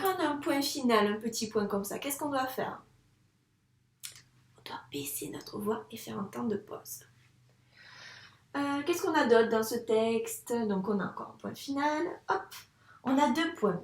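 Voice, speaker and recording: A woman's voice: on the high side, darkish tone. Patient woman teacher, roomy echo. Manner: patient, encouraging, slow and careful. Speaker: first-grade teacher. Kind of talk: reading lesson for young children.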